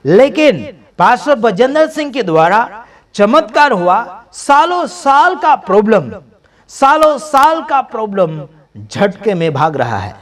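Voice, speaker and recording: A man's voice: sits high, sing-song, unhurried, fairly bright tone. A man giving emphatic, preaching-style commentary over video clips, repeating phrases for stress. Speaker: video commentator for a healing ministry.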